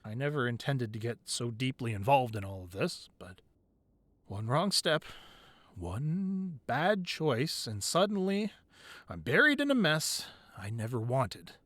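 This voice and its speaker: In an intimate ASMR roleplay, a man voices a crime boss boyfriend who is weary yet devoted and protective, speaking softly and close with occasional breathiness. His mid-range voice has a sing-song lilt and a slightly slow pace, recorded with no echo. The mood is regretful and weary, his soft delivery drifting into breathy whispers.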